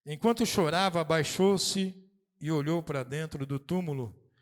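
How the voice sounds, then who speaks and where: A pastor preaching a lively sermon, acting out little dialogues as he goes. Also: fairly high pitch, moderate pace. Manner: animated preaching with acted-out quotes. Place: church sanctuary. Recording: long church reverb.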